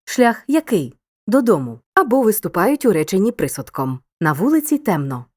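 A woman narrating a scripted school grammar lesson in a clear, upbeat, encouraging teacher's tone. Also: mid-range voice, big pitch swings, moderate pace.

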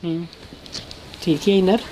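A man hosting a clothing shop video, pitching suits in an eager sales patter. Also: steady tone, takes it slowly, noisy background. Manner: enthusiastic, hyping prices and looks. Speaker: host presenting clothes in a shop. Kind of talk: fast promotional sales pitch.

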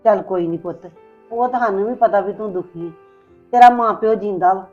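A middle-aged woman playing a gentle mother who coaxes and comforts her daughter. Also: mid-range voice, fairly quick, lightly acted. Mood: tender. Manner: soothing, coaxing. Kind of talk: web drama acting. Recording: dull lo-fi with faint music.

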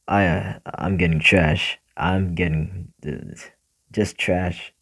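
A man's voice: low-pitched, fairly even intonation, drawn-out words, gravelly, a bit bright, breathy edge. A young man commenting casually on game summons, frustrated and muttering, sometimes swearing. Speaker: gaming YouTuber.

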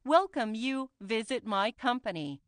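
A woman reads a scripted corporate voice-over at a very slow, deliberate pace. Her voice sits a little high and comes across smooth and clear. The recording is close and dry, with no room sound. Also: lively intonation, no room sound. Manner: slow, careful, deliberate reading. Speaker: company spokesperson.

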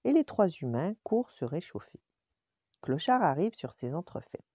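An older grandmother reads a bedtime story in a low, mellow voice that rises and falls with lively expression. The sound is dry and a bit dull and lo-fi. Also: normal speed, slightly rough, no room sound.

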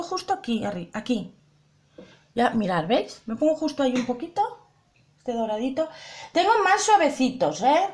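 A young woman with a slightly high voice chats casually to her audience during a makeup tutorial, repeating herself and asking if they can see. The beauty vlogger's recording has a little hiss or hum.

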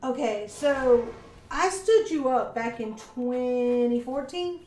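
A woman's voice: high voice, lively intonation, slow, darkish tone, roomy sound. A woman asking teasing questions in casual stream chat.

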